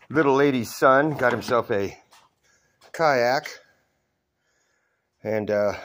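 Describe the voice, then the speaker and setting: A middle-aged hobbyist DIY builder with a medium-pitched voice shows off his homemade build in a casual show-and-tell, speaking in short, halting, folksy, self-deprecating phrases. He records on a handheld phone he holds himself in a cluttered garage with the door open.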